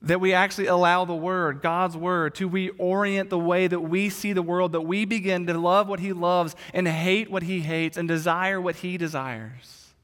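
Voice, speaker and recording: A man's voice: high-pitched, fairly even intonation, moderate pace, hardly any pauses, a bit bright. A man preaching a sermon as a pastor, telling stories earnestly and pressing his points with rising emphasis. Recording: long reverb of a large hall.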